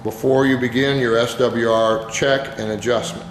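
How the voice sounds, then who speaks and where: A plain-spoken instructor with an informal manner leads a hands-on how-to step by step. He speaks at a mid-range pitch and normal speed, with fairly even intonation. The space is very echoey and reverberant, with some background noise.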